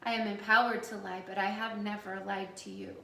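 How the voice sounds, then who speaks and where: A woman voicing a wise, weary old man who keeps old memories, speaking calmly and firmly. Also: mid-range voice, creaky, a little hiss or hum. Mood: grave. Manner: calm, firm and measured. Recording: echoey room, voice from a distance.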